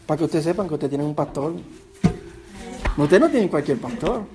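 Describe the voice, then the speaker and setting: A man with a Puerto Rican accent delivers a sermon in a fairly high voice. He preaches earnestly, repeating words and turning to his listeners with direct questions. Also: lively intonation, fairly quick, a little mellow. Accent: Puerto Rican Spanish. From Puerto Rico. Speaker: pastor.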